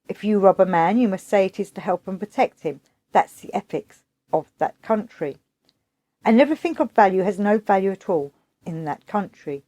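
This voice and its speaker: A woman voicing a mysterious old woman guide who talks in a hushed, sing-song, cryptic way. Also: mid-range voice, dry recording, lightly acted.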